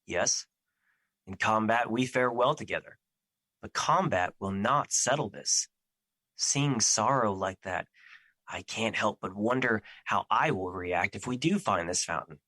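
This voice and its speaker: An actor in an audio drama playing Fear personified, a solemn, protective immortal who speaks formally and earnestly, full of remorse. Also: male voice, on the low side, expressive, unhurried, bright, forceful tone, dry recording, exaggerated voice, rough recording. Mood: remorseful, reflective. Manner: formal, stilted, earnest phrasing without contractions.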